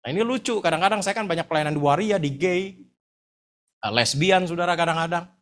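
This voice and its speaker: A middle-aged man preaching a lively, humorous sermon, joking and telling stories in slangy speech. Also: high voice, brisk. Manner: animated, joking, slangy storyteller. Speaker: pastor.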